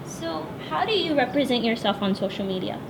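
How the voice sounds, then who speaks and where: A woman's voice: on the high side, expressive, brisk, creaky, very noisy. A woman interviewer, a student filmmaker, asking brief, prompting questions. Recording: dull, far from mic with loud music.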